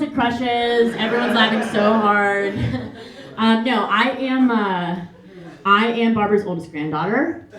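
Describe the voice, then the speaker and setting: A woman's voice: medium pitch, natural voice. A young woman performing a comic monologue in a stage musical, chatty and self-mocking, full of fillers. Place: theater stage, live. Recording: roomy stage with faint music.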